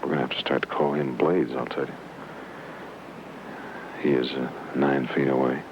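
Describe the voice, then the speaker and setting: A man giving live golf commentary outdoors in a folksy, conversational way, often hushed near the putt. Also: very deep voice, little pitch movement, moderate pace, vocal fry. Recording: dull old broadcast, loud outdoor noise.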